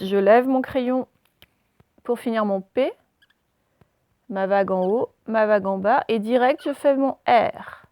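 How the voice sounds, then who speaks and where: A woman's voice: fairly high pitch, no room sound. A woman teaching reading and handwriting to young children remotely, recorded on a phone, explaining step by step with frequent hesitations. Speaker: primary school teacher.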